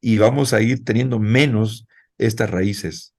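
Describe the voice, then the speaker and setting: A man's voice: fairly low pitch, fairly even intonation, measured pace. A male pastor preaching a sermon in a conversational way, speaking directly to his congregation.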